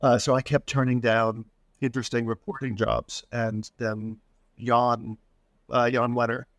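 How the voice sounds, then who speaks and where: A man's voice: medium pitch, level tone, a little slow, no room sound. A man as the author guest in a casual interview chat, rambling and self-deprecating, often restarting his sentences.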